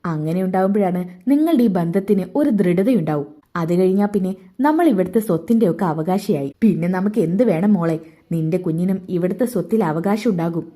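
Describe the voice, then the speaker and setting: A woman's voice: on the low side, lively intonation, fairly quick, mellow. A woman voicing a greedy, scheming middle-aged mother who coaches her daughter in a plot. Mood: bossy. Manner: plotting, bossy, conspiratorial.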